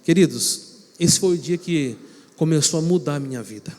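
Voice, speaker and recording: A man from São Paulo state, Brazil, preaching as a pastor and telling a personal story with animated acted-out quotes. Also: a little high, normal speed. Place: church sanctuary. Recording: long reverb of a church hall.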